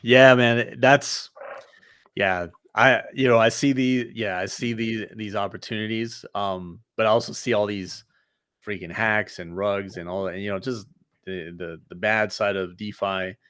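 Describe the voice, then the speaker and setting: A man's voice: on the low side, steady tone, measured pace, fairly bright tone, clear, resonant tone. A man in a casual chat about crypto investing, talking in a laid-back, slangy, agreeable way.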